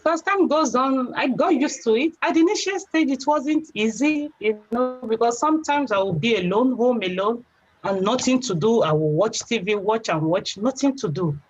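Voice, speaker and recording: A young adult woman with a Nigerian accent, a guest telling her story in a chatty, relaxed way, often saying "you know". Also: on the high side, normal speed, husky. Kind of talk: casual interview. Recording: slightly dull lo-fi sound.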